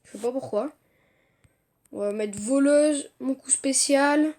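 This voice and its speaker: A high, bright-sounding woman plays a mobile game and talks over it. She swings from low muttering to sudden shouts, full of playful trash talk. The sound comes through a phone mic. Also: slow pace. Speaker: mobile gamer commenting on own play. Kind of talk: casual live gameplay commentary. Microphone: phone mic via screen recorder.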